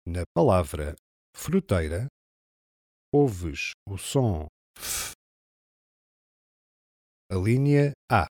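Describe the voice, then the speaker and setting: Brief: male exam narrator, European Portuguese accent, very slow and deliberate, lowish voice, dry. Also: big pitch swings, darkish tone, dry recording. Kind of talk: scripted narration of a listening test.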